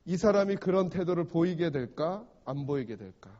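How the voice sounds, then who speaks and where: A man's voice: a little high, expressive, normal speed, dark tone. A male pastor preaching a sermon, retelling a parable and often asking the congregation rhetorical questions. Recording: dull recording in a reverberant church hall.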